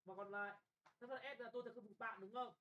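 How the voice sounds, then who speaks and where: A young man tutoring a class for an exam, brisk and bossy, often checking whether students follow and scolding them bluntly. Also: high voice, steady tone, highs cut off. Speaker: English tutor.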